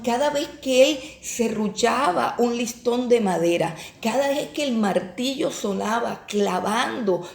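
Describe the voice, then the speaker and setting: Gravelly-voiced woman preaching in an echoey room. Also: a little high, a little mellow. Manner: repeats phrases for emphasis, rhetorical questions. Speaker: Bible teacher. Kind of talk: sermon.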